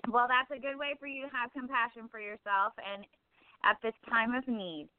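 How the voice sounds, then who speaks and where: A woman's voice: on the high side, steady tone, moderate pace, no echo. Upbeat woman hosting over a phone line. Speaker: co-host. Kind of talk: casual radio talk show hosting. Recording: phone-line call-in audio.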